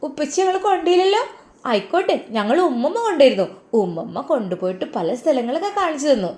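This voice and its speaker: A woman's voice: sits high, sing-song, fast, a little mellow, pitched above the performer's own voice. A woman voicing a young girl who misses her absent mother, speaking with a Malappuram accent in a tearful, pleading way. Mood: eager. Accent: Malappuram Malayalam.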